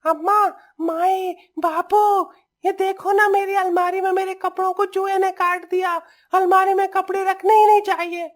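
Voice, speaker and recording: A woman's voice: fairly even intonation, a little slow, hardly any pauses, darkish tone. A woman voicing a young, eager village boy in a cartoon story, speaking in a whiny, childish way. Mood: whining. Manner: whining, high-pitched childish voice.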